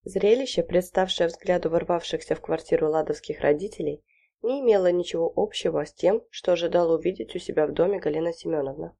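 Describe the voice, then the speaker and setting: A woman narrating a novel aloud in a steady, even storytelling manner. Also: fairly low pitch, fast talker, gravelly. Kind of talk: audiobook narration.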